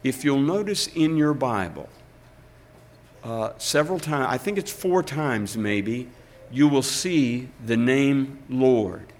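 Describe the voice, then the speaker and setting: With a mid-range, darkish voice and lively intonation, an older man who is a pastor delivers a sermon and reads from scripture. His pace is slow and deliberate, marked by emphatic pauses.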